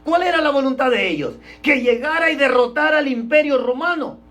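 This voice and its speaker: A male pastor preaching a sermon, stressing points loudly and then dropping to a hush, and often calling his listeners brother. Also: very high-pitched, expressive, fairly quick, faint music behind. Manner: emphatic preaching, swinging between loud stresses and hushed drops; keeps addressing listeners as brother.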